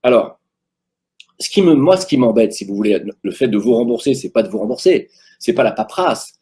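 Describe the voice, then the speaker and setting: Middle-aged man, emphatic and boastful, mellow breathy tone. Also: medium pitch, expressive, a little fast. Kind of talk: monologue to viewers.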